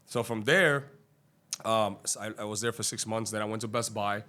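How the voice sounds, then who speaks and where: His voice is on the low side, bright and forceful. A Cuban day trader appearing on a podcast, he chats casually about his career, swearing freely, rambling and talking fast with many fillers.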